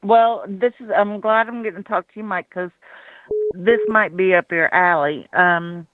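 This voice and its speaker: A woman's voice: lowish voice, normal speed. A woman caller from Northeast Tennessee, chatty and playful. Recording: dry, tinny phone line.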